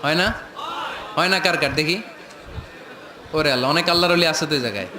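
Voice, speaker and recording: A man preaching a sermon to a live gathering, animated, shouting at times and joking with the crowd. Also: fairly high pitch, fairly quick, background noise. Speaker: Islamic preacher. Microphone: handheld or stand mic over a PA. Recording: echoey PA sound with crowd.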